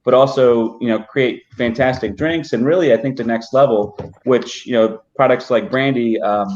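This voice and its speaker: A man's voice: medium pitch, normal speed, darkish tone, slight background noise. A man from Armenia, a spirits company founder, talking casually in a live online chat with lots of "you know" fillers. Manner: loose, filler-heavy, "you know" often. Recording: dull lo-fi audio.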